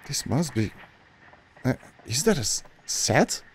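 A Hungarian man in his thirties, speaking with a Hungarian accent, hosts movie reactions and chats excitedly about an old film, correcting himself as he goes. His husky, medium-pitched voice moves slowly in this casual commentary. He records in a small, dark home studio on a boom-arm studio mic, wearing headphones.

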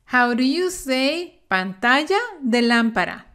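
Slow, careful woman teaching English words. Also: fairly high pitch, very animated, a bit bright. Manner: slow, careful word-by-word pronunciation drills. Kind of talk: bilingual vocabulary lesson.

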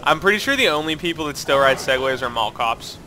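A man's voice: fairly high pitch, animated, brisk, very noisy. Stuffy-nosed joking gamer guy. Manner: joking, playful, self-mocking. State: stuffy, congested. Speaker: co-op gameplay commentator. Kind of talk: casual gaming banter.

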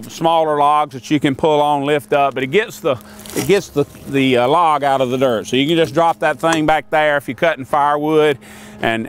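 A man's voice: medium pitch, slight background noise. An older man casually demonstrating sawmill tools outdoors, talking in a folksy, rambling way with many fillers. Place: outdoors by a sawmill and in a wooded lot.

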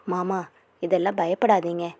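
A woman's voice: on the low side, level tone, normal speed, creaky, dark tone, no echo. A woman voicing an earnest young man who comforts his family and scolds his brother, in a storybook reading. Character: young man, caring but quick-tempered brother.

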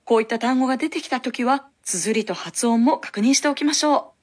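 A woman hosting a language lesson, giving clear, instructive scripted explanations on a studio microphone. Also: fairly high pitch, a little fast, a little mellow.

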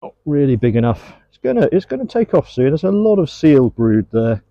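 In his outdoor garden apiary, a middle-aged beekeeper from England talks through his hive work in an easygoing way, with affectionate words for the bees. His slightly high voice is very animated and a bit fast. The audio is dry and lo-fi.

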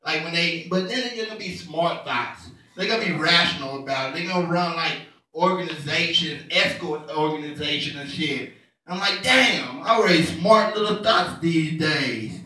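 A young man performing a stand-up comedy set, animated and jumping into characters' voices. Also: moderate pace, heavy reverb, far from the mic, a little hiss or hum, rough recording. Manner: animated, acts out characters with pitch jumps. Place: comedy club stage. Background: audience laughter.

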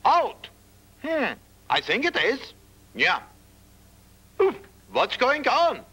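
A shrill blustering villain chimp. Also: male voice, wildly swooping pitch, drawn-out words, sharp tone, husky, full character voice. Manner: blustering, petulant. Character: pompous villainous male chimp baron. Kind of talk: dubbed TV comedy.

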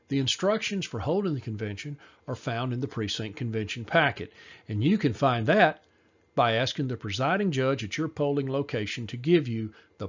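A party presenter reads a scripted informational voice-over in a measured, explanatory way, slowing down on key details. His voice is medium-pitched with a breathy edge, and the recording's highs are cut off.

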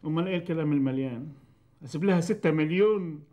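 A man's voice: fairly high pitch, racing, mellow, natural voice. An actor playing an angry, vengeful man betrayed by a woman, in a TV drama. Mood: bitter. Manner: agitated, indignant outbursts. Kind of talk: TV drama acting.

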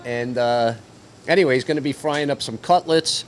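A man's voice: mid-range voice, normal speed, a little hiss or hum. An older man hosting a fishing report on location, chatting casually with many fillers into a handheld mic. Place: outdoors at docks, then inside a deli.

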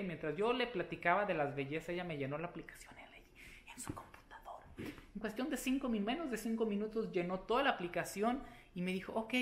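A man vlogger telling a story to the camera in a casual, chatty way, animated and playful, with sudden loud exclamations. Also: high-pitched, reverberant. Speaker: beauty vlogger.

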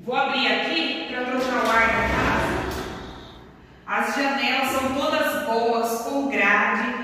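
A woman hosting a house-tour vlog, chatty and guiding viewers room by room, her voice echoing strongly off the bare walls of an empty house. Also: takes it slowly. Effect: strong echo bouncing off bare walls. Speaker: vlog host. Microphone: camera held by another person some distance away. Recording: booming echo, long reverb, distant from the mic, faint hiss.

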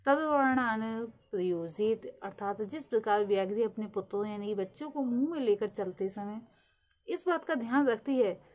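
A woman with a slightly high voice gives a lesson. She explains point by point and mixes English terms into her sentences. She slows right down to read definitions aloud. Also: darkish tone, rough recording. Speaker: teacher. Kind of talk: explaining lecture.

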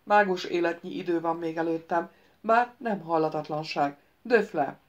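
A woman's voice: lowish voice, close to an everyday voice. A woman voicing a petulant, scheming male ghost wizard who keeps pleading and bargaining, on a dull lo-fi audiobook recording.

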